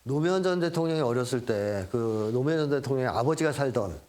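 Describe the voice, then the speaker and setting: A man's voice: mid-range voice, lively intonation, fast talker, a little mellow. A middle-aged man giving a lecture, acting out quoted lines and chuckling now and then. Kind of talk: lecture talk.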